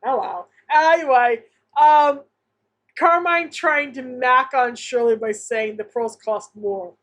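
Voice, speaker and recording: A woman's voice: high voice, fairly even intonation, slow. A woman co-hosting a podcast in casual, enthusiastic chat, laughing often. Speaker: podcast co-host.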